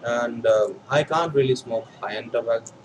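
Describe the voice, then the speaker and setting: A man with an Indian accent chatting casually as a vlog host, in a halting, hesitant way with pauses and repeats. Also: medium pitch, background noise. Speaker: video host, pipe and cigar hobbyist.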